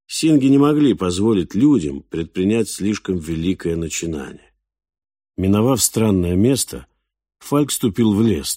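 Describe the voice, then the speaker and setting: A man narrating a science fiction novel as an audiobook, in a measured, even way. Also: low-pitched, dry recording, clean studio sound.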